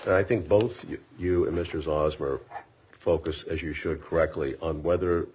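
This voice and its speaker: A man's voice: rumbling low, fairly even intonation, normal speed, a little mellow, slight background noise. A man presiding as an appellate judge, firing probing questions at counsel and often cutting in. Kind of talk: questioning counsel at oral argument. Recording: dull lo-fi courtroom audio.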